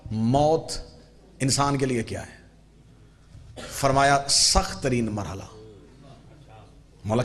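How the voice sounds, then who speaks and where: A man preaching a sermon to a gathered congregation, telling a story and swinging from soft, low narration to loud, fervent exclaiming. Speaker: Shia cleric preaching a majlis. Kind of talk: Urdu majlis sermon with storytelling. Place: gathering hall with a live congregation. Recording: crowd audible behind the preacher.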